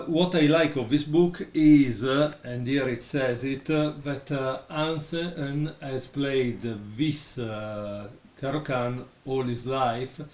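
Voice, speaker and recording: The speaker is a hesitant book reviewer with a medium-pitched, slightly mellow voice who uses many fillers. He records a casual video review in an echoey room at home, faint noise audible and a storm going on outside.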